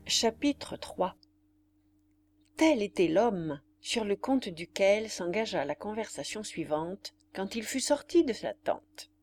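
A woman reading a novel aloud in a measured, storytelling manner. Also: medium pitch, big pitch swings, a little mellow, soft background music. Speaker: audiobook reader. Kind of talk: scripted narration.

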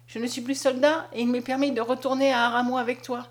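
A woman reading the lines of an eager young male soldier in a storybook, excited and raised in voice. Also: sits high, quick pace, natural voice. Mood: overjoyed.

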